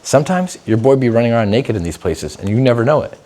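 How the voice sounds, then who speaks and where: The noisy handheld footage follows an urban exploration vlogger through the underground passages of an abandoned building as he swears and uses slang, chatting casually to his audience. His medium-pitched, dark voice is animated and quick.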